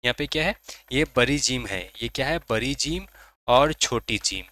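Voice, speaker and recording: A man teaching English pronunciation, repeating word pairs slowly and emphatically and correcting common student mistakes. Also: medium pitch, lively intonation, sharp tone. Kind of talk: pronunciation drill lesson.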